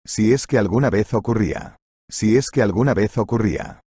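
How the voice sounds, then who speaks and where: A man narrating a scripted story in an even, steady reading voice. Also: fairly low pitch, normal speed, breathy edge, no echo, studio quality.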